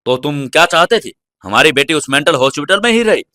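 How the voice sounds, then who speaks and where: A scheming, sharp-tongued middle-aged mother, as a male narrator voices her in an audio story, curt and cutting. The voice stays bright and is recorded dry. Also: fairly high pitch, lively intonation, fairly quick, no room sound.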